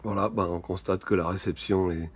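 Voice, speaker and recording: A man giving measured, matter-of-fact technical commentary as he demonstrates radio equipment. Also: low-pitched, fairly even intonation, a crowd in the background. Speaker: radio enthusiast presenting a live equipment test. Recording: clearly noisy, radio hiss.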